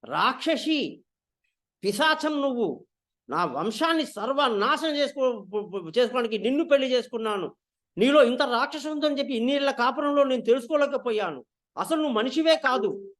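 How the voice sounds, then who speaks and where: A man's voice: very high voice, expressive, fast talker. A man voicing a shocked, raging old king. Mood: enraged. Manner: shouting, alarmed.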